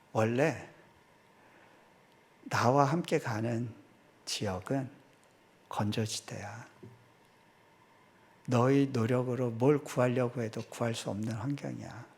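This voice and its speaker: A middle-aged man preaching in a church, his voice gravelly and low-edged with fry. He tells a personal story with animated delivery, voicing his own prayers aloud. His pitch sits in an ordinary middle range. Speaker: missionary preacher. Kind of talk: storytelling sermon. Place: church sanctuary.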